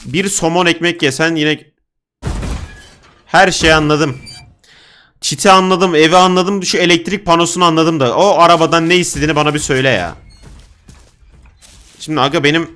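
A man giving casual gameplay commentary, excitable and slangy, yelling at game characters and then dropping to mutters. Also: fairly high pitch, brisk, long pauses. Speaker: gaming streamer.

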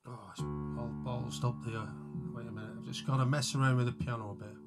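A man's voice: mid-range voice, fairly even intonation, a little fast, gravelly, over loud music. A man chatting casually to live viewers between songs, rambling and self-mocking as he greets people by name. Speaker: musician hosting a live tribute stream.

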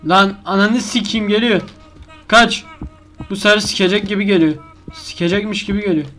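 A man's voice: high voice, steady tone, fast talker, a bit bright, soft background music. A man giving live horror gameplay commentary as a YouTuber. He swears constantly, yelps when scared and argues with the game's monster. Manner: crude, swears a lot, talks to the game's monster.

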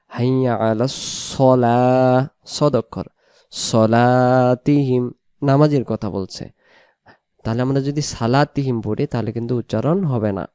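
A man teaching Quran recitation, chanting verses in long drawn-out phrases and spelling out each letter before explaining the rules. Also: mid-range voice, a little mellow, no echo, clean studio sound. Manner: spells out letters slowly, then explains quickly. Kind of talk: word-by-word Quran recitation lesson.

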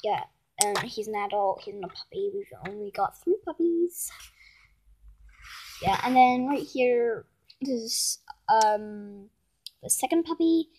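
This clip is a young woman's casual indoor tour of her toy horse barn, shot on a handheld phone in a carpeted room at home. She's animated but hesitant, full of ums and corrections, with a fairly high voice, a slightly slow pace and long pauses. The background is noisy.

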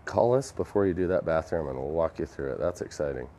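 A man's voice: rumbling low, expressive, fast talker, warm tone, slight background noise. A young man chatting casually and self-deprecatingly with viewers while demonstrating epoxy on a live stream in a workshop. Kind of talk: casual live demo chat. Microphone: phone camera.

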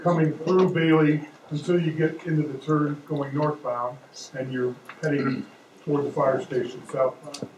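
A man's voice: on the high side, little pitch movement, moderate pace. A man in the audience at a town hall, bluntly challenging the officials on a speed limit. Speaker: resident asking a question. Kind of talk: public comment at a town hall. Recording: roomy, distant pickup with noise.

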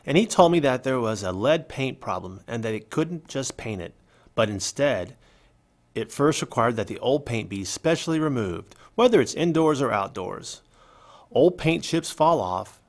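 A man reading an English voice-over for a signed conversation, in a conversational scripted style. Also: medium pitch. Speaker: voice-over for a signing speaker.

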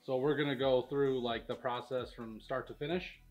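In a large indoor vehicle workshop, a middle-aged product demonstrator for a powersports tuning shop talks through things informally and matter-of-factly. His voice is medium-pitched, steady and darkish at a moderate pace, over soft background music on poor audio.

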